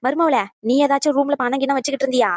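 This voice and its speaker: A woman voicing an older mother-in-law in a cartoon who questions the family briskly. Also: high voice, steady tone, dry recording, close to an everyday voice. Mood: questioning.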